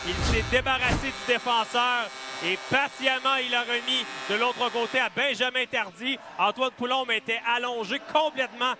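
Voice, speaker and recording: High-voiced Quebec man analysing hockey. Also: fairly even intonation, normal speed, background noise. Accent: Quebec French. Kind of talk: animated live sports analysis.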